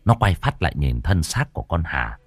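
A man narrating a horror story in an expressive, theatrical way. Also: a bass voice, normal speed, gravelly, husky.

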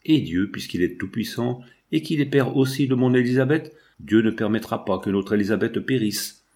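A tender old father blesses his departing child, solemn and grieving, as a man reads him in his own voice. The audiobook reading keeps a measured, earnest tone. His words lean on benediction and pleading. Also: mid-range voice, darkish tone, natural voice.

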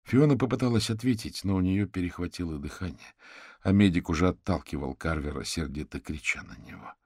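A man narrating an audiobook in a steady, measured reading. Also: deep voice, breathy edge, no echo, studio quality. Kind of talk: scripted narration.

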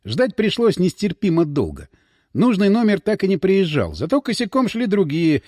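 Brief: male narrator, fairly high voice, very lively pitch, dry close mic. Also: moderate pace, no echo. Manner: expressive, dramatic reading. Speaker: audiobook narrator. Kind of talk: scripted narration.

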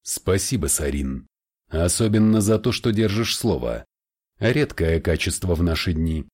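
A man voicing a dry, reserved male mage detective in an audiobook, close to his own low voice. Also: expressive, a little slow, darkish tone. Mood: dry restrained. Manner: dry, restrained.

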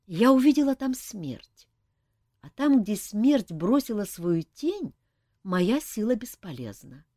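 A woman voicing a sad, gentle nymph who speaks sorrowfully. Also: medium pitch, very animated, slow, dry recording, pitched above the performer's own voice. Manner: sorrowful, soft.

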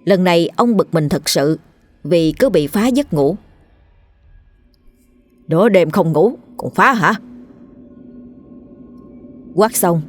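A woman narrates a ghost story, her delivery steady and measured. Faint music plays underneath. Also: lowish voice.

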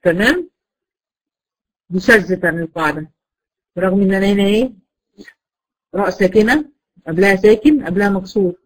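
A woman's voice: medium pitch, a little fast, long pauses, rough recording. Egyptian woman teaching recitation rules. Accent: Egyptian Arabic. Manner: explains step by step, often checks understanding. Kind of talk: online recitation-rules class.

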